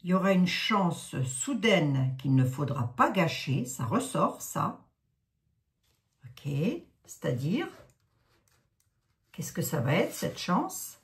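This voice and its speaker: Woman in her 60s, Lorraine accent, rambling oracle card reading, slightly low voice. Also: sing-song, slow pace, long pauses. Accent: Lorraine French. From Lorraine, France. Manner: chatty, rambling, many asides and fillers. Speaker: card reader, psychic.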